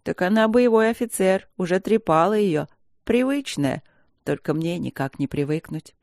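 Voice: medium pitch, lively intonation, moderate pace, gravelly, a little mellow, no room sound. Older mum in an audiobook, blunt and fretting, sighs a lot, dry close sound, a reader putting her on. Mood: teasing. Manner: plain-spoken, scolding and tender. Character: worried older mother, blunt and sighing.

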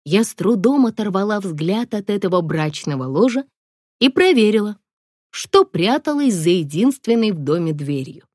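A woman narrating a first-person audiobook in a wry, expressive storytelling manner. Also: mid-range voice, normal speed, no echo, clean studio sound.

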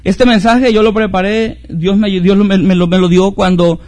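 A man's voice: sits high, fairly even intonation, moderate pace, darkish tone. A middle-aged man preaching as a pastor, earnest, with rhetorical questions and repetition. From Mexico. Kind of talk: sermon.

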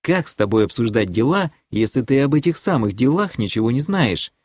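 A man voicing a haughty, scheming noblewoman who leads a clan in an audiobook; he raises his voice to play her, and she talks in a sweetly condescending way that turns sharp. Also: mid-range voice, sing-song, fairly quick, breathy edge, dry recording, clean studio sound. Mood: lecturing. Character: haughty scheming female baroness, clan leader.

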